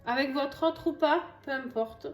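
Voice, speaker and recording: A woman's voice: high-pitched, a little slow. Southern French woman reading tarot. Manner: chatty, reassuring, frequent fillers and asides. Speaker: tarot reader. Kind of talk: casual tarot reading to camera. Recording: echoey room with faint music.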